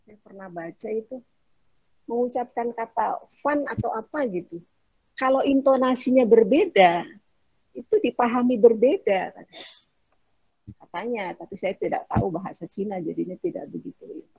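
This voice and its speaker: A woman's voice: a little high, moderate pace, darkish tone, breathy edge, no room sound, dull audio. A woman lecturer explaining Arabic pronunciation patiently in an online class. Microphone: video call.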